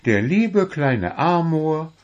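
A man voicing a cheerful, meddling little male kobold in a high, bubbly, chatty voice. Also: big pitch swings, slow pace, highs cut off. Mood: cheerful teasing.

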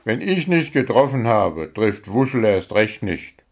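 A man's voice: fairly low pitch, sing-song, a little slow, heavily acted. A man voicing a dwarf football captain who is sulky and defiant. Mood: grumbling. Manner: grumbling, sulky.

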